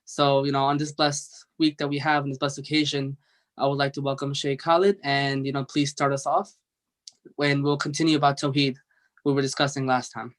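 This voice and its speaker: A man's voice: mid-range voice, level tone, a little fast, fairly bright tone. A man hosting a religious discussion in a casual, informal way, deferential to his guest. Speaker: host.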